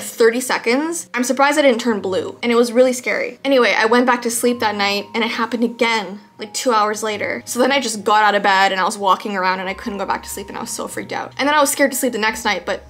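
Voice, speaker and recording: A woman vlogger telling personal stories in a casual, chatty way, animated and acting out bits of dialogue. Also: on the high side. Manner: animated, acts out quoted dialogue. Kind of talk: casual chatty storytelling to camera.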